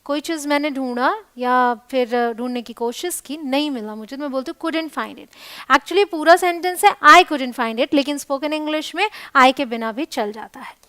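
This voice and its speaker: A woman teaching spoken English phrases, giving each one in Hindi and then saying the English slowly, often twice. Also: high voice, a bit bright, no echo.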